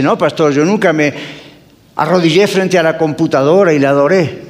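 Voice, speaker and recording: High-voiced pastor preaching in a reverberant hall. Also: male voice. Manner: conversational, asks the congregation questions, acts out dialogues. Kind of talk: sermon.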